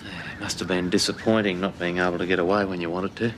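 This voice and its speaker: An actor playing a blunt, proud older Australian man in a television soap, speaking plainly and haltingly. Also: deep voice, steady tone, a bit bright, a little hiss or hum. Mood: apologetic. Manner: halting, gruff, plain-spoken. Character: blunt, stubborn, proud but good-hearted older bloke. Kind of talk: television soap drama acting. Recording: TV soundtrack with music underneath.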